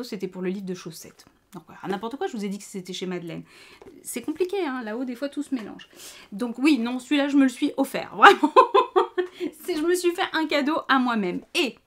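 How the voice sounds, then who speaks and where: A woman with a French accent chatting casually to camera about knitting, rambling and self-mocking with many fillers. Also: medium pitch. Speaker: knitting vlogger.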